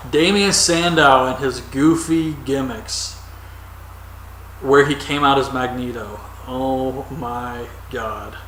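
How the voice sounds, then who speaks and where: A man's voice: mid-range voice, a bit bright, reverberant, far from the mic, a little hiss or hum, rough recording. A man giving casual, opinionated solo commentary as a wrestling reviewer, rambling with frequent ums.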